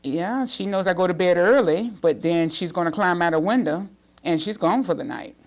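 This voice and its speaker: Female guest, fifties, from the Bahamas, low voice with a gravelly edge, plain-spoken. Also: lively intonation, moderate pace, darkish tone. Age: 50s. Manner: earnest, plain-spoken storytelling. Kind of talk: talk show interview. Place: studio.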